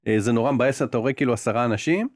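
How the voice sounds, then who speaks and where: A man's voice: mid-range voice, dry recording, clean studio sound. A middle-aged man in casual chat, explaining at ease with hesitant restarts. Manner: relaxed, explains with hesitant restarts and quoted voices. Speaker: podcast co-host.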